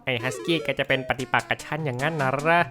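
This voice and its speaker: A woman's voice: extremely low pitch, fairly even intonation, rapid-fire, fairly bright tone. A woman voicing a bossy, teasing dog leader who scolds in mock-dramatic tones during playful gaming commentary. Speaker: host. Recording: faint background game music.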